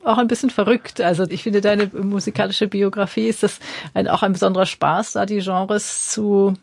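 A woman interviewer puts curious, reflective questions to her guest, sharing her own impressions along the way. Her voice has a gravelly, husky grain. The sound is close and dry, with no room around it. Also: medium pitch, steady tone, normal speed, a little mellow, no echo. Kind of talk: interview conversation.

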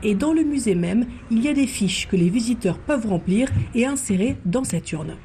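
A woman radio reporter narrating a news report in a measured, even way. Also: fairly high pitch, a little hiss or hum.

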